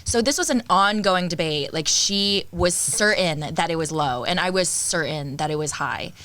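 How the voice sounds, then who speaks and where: A woman's voice: fairly low pitch, expressive, normal speed, a bit bright. A young woman, a podcast guest, telling a story in casual chat and laughing often. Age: young adult.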